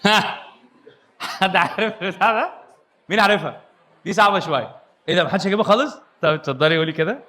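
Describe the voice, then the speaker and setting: A young man with an Egyptian Arabic accent teaching English in a lively, playful way to a live audience, laughing often as he quizzes them. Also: high voice, fast, pauses often. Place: youth hall with a live audience.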